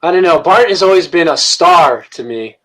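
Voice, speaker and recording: Guy hosting improv games on zoom, fairly high voice, lots of uhs. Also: animated, fairly bright tone, poor audio. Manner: halting, lots of fillers, laughing. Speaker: host. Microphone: video call.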